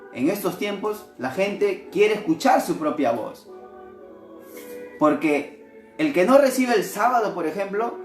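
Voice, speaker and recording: Animated male preacher, echoey room. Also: high voice. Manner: animated, asks rhetorical questions. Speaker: missionary preacher. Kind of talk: devotional sermon. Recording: echoey room with faint music.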